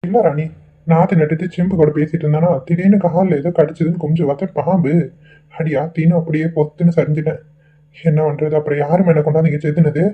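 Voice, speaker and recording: A man plays an ailing village father in a cartoon, begging forgiveness in a slightly high, husky voice. The sound is thin and tinny, like a phone line. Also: flat delivery, quick pace. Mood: remorseful. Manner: tearful, pleading apologies. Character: ailing remorseful village father, middle-aged. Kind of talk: Tamil cartoon voice acting.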